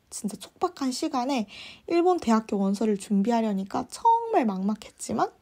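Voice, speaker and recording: A young woman in her twenties chats through a personal story for her vlog and acts out the things people said. Her voice sits a little high, with a mellow, husky softness. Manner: chatty, animated, acts out quoted lines. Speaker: vlogger.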